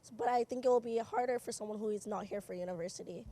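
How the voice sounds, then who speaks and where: A young woman from New York, a university student, answering a street interview in a relaxed way with many "like"s. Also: medium pitch, fast. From United States, New York. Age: young adult. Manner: relaxed, fills with "like".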